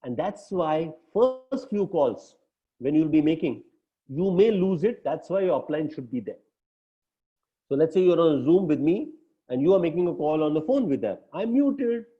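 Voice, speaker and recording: A man's voice: fairly high pitch, lively intonation, normal speed. Emphatic Indian English male coach. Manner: emphatic, repeats tag questions. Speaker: business coach. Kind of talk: coaching talk to a team. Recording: dull lo-fi recording.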